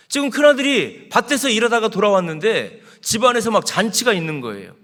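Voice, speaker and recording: A man's voice: high-pitched, a bit bright. A male pastor preaching a sermon, telling a story with rising and falling emphasis. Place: church sanctuary.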